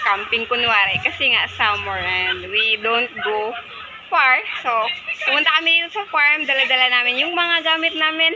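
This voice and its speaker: Chatty woman vlogging in a noisy night shed. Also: high voice. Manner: chatty, mixes English and Tagalog. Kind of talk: casual vlog narration. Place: open-sided farm shed at night, outdoors. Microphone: phone selfie at arm's length. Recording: loud outdoor background noise.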